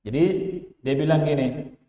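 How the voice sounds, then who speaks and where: A man from Indonesia giving an Arabic grammar lesson, talking slowly and conversationally and often asking his listeners rhetorical questions. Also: on the high side, steady tone, dark tone. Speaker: Islamic teacher. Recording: echoey hall.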